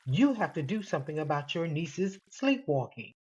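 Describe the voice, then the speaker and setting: A woman's voice: sits low, sing-song, normal speed, a little mellow, breathy edge, muffled recording, heavily acted. A woman voicing a grieving, caring adult woman with an urgent, pleading manner in an audio story. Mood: earnest.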